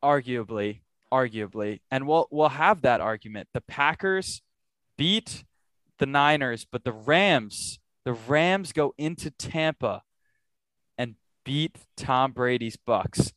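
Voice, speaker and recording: A man hosting a sports talk podcast. His voice is smooth and resonant, recorded close and dry, and he makes his picks briskly and without doubt. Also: medium pitch, lively intonation, a bit bright, no echo. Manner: confident, quick to make picks. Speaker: podcast host.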